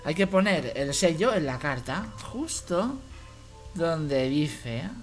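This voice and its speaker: A man's voice: on the high side, very animated, takes it slowly, faint music behind. A man with a Spanish accent from Spain giving playful gameplay commentary as a youtuber. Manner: playful, translating the game aloud. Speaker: gaming youtuber.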